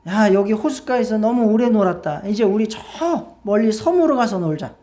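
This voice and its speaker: A woman's voice: medium pitch, expressive, normal speed, dark tone, natural voice. A woman preacher voicing a flock of friendly swans who coax and welcome a lost bird in a sermon story. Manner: friendly, coaxing.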